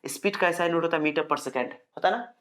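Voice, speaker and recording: A young man teaching physics. He explains step by step, repeats his questions, answers them in his students' voice and reads English definitions out slowly, sounding a little low on energy. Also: a bit bright. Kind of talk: recorded classroom lecture.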